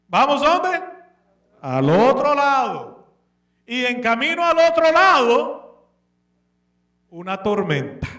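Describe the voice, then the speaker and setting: Male preacher, very high and bright, animated and questioning, distant mic in a roomy church hall. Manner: slips English words into his speech. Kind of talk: sermon. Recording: echoey room, distant mic.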